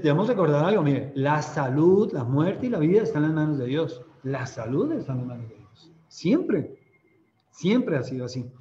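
A mellow, mid-range voice belongs to a Colombian-accented man teaching a youth Bible study. He reads scripture, explains it conversationally with questions, checks in with listeners, and mimics laughter during retold stories, all captured in dull audio.

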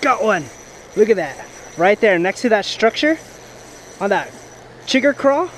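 A young man with a high voice, wide pitch swings and a measured pace vlogs casually while fishing from river rocks, explaining his gear and whooping when he lands a fish. His tone is a bit bright. The head-mounted action camera gives a rough recording with a little hiss or hum.

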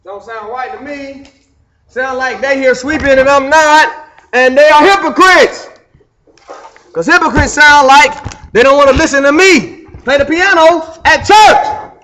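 A man's voice: very high-pitched, a little slow, sharp tone, a little hiss or hum, low-quality recording. A man rambling on and on to himself and the people around him while playing piano indoors, repeating himself and asking "huh?". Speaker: church pianist. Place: indoors by a piano at a community building.

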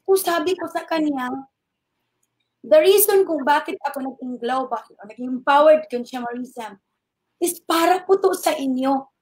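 A middle-aged woman with a high voice tells her own story as a testimony. She speaks politely and with energy, and voices the people she quotes to bring her account to life. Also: moderate pace. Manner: animated retelling that acts out quoted dialogue; polite, uses respectful particles. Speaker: network marketing member giving a testimony. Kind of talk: personal storytelling.

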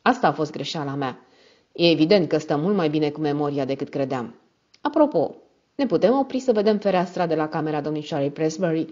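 Shrewd male detective read by a woman: courteous and measured, low-pitched. Lo-fi audiobook sound. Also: lively intonation, darkish tone. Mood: amused.

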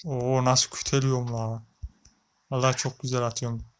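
A man's voice: mid-range voice, flat delivery, moderate pace, fairly bright tone, slight background noise. A man giving casual gameplay commentary as a let's play gamer, chatting with viewers and talking back at the characters on screen.

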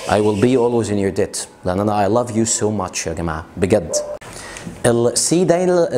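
A man with an Egyptian Arabic accent gives a friendly, lively pronunciation lesson, repeating each word slowly so the viewer can copy it. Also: on the low side, slight background noise. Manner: lively, drills words by repeating them slowly; friendly, talks straight to the viewer. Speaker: English teacher.

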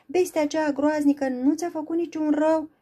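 A woman's voice: sits high, steady tone, mellow, voice pushed up, natural voice. A woman voicing a loving, firm older father, a merchant in a storybook, sounding protective. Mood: relieved.

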